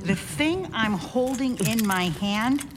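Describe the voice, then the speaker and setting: Actress: blunt, sarcastic tough woman, somewhat high voice, hiss behind. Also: animated, slow pace. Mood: menacing. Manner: sardonic, blunt, profane. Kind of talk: audio drama acting. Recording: noisy background.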